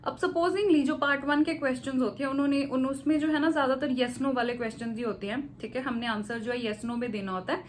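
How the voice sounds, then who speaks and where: Woman from india, high voice, casual tutorial teacher, codeswitches, faint hiss behind; checks in often. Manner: mixes English phrases into Hindi, repeats "theek hai" checks; acts out slow model English answers. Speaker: IELTS speaking teacher.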